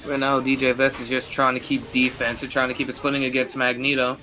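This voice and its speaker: A man's voice: mid-range voice, completely flat delivery, quick pace, sharp tone, soft background music. A man giving casual live play-by-play commentary on a fighting game. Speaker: esports match commentator.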